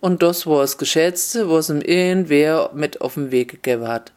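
A storyteller reads a fairy tale aloud in a folksy manner, sprinkling dialect words through the narration. His male voice is a little high and darkish in tone, moving at a normal speed.

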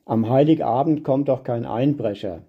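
A man voicing a grumbling old father with a gruff, low voice, in a dull lo-fi storybook reading. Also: normal speed. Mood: calling out.

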